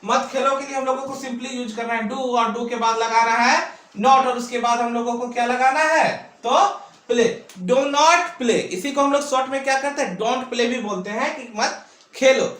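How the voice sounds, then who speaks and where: High-voiced man teaching grammar in a roomy echo. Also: steady tone, a bit bright. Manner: asks and answers his own questions, drawn-out words. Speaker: English teacher. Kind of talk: classroom grammar lesson. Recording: echoey room, mic at a distance.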